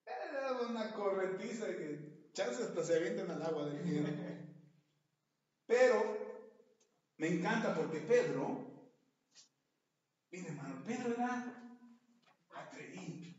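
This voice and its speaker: A man with a Mexican accent preaching a sermon as pastor, a lively storyteller who jokes and acts out the scenes he reads. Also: sits high. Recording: very echoey, dull lo-fi podcast audio.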